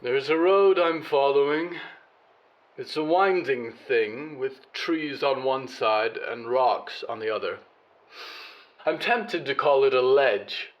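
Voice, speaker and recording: A man's voice: mid-range voice, slow, highs cut off, natural voice. A man voicing a big, haughty show-business lady with a grand, condescending drawl in an audio drama. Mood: musing. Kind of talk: audio fiction monologue and dialogue.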